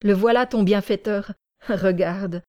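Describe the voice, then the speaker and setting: A woman reading an audiobook, voicing an angry, threatening young village man who shouts accusations. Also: mid-range voice, moderate pace, lightly acted. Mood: furious.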